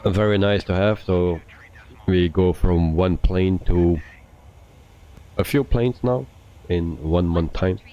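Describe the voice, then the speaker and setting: A man with a very low, dark voice talks casually to his live-stream viewers. He keeps a relaxed, chatty pace and stops often to hesitate mid-sentence. His tone stays soft and unhurried. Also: muffled recording. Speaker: flight sim livestreamer.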